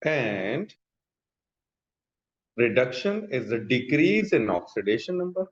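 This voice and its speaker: A man with a Pakistani accent teaches chemistry slowly in a medium-pitched, sing-song voice. His lecture mixes explanation with questions, repeating key terms and checking that students follow, recorded in a dull, echoey room.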